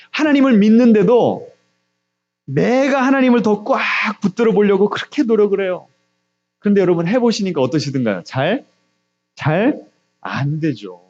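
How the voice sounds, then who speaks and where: A man preaching a sermon as pastor, asking the congregation questions and answering them himself. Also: lo-fi sound. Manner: acts out God's voice with quiet, low asides.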